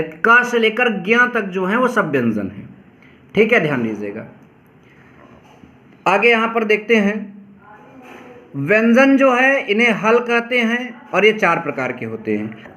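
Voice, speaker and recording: A male teacher giving a lesson, repeating each definition slowly and calling on his students to pay attention. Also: high voice, pushed and bright. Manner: addresses students directly, often says "pay attention". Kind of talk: classroom lesson explaining grammar.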